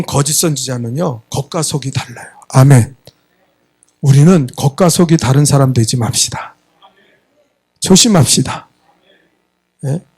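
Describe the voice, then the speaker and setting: Emphatic high-pitched gravelly male pastor. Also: a little mellow. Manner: emphatic, keeps asking the congregation "예?"; acts out quoted voices in dialogue. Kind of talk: Sunday sermon.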